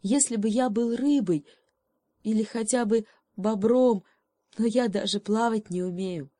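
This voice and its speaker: A woman's voice: fairly high pitch, unhurried, dark tone, no room sound, studio quality, pitched above the performer's own voice. A woman voicing a timid, frightened young hare who sighs as he speaks. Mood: sad. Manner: sighing, timid.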